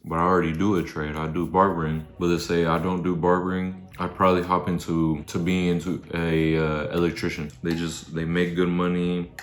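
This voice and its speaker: A man's voice: deep voice, little pitch movement, normal speed, hardly any pauses, echoey room. A man in his twenties chatting casually in a laid-back, slangy way, thinking aloud as he talks with his mouth full while eating. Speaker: content creator. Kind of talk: casual vlog question-and-answer chat.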